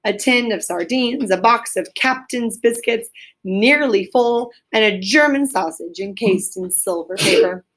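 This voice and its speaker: A woman's voice: on the high side, measured pace, a bit bright. A woman reading a storybook aloud as a teacher to children, explaining as she goes and prompting with questions.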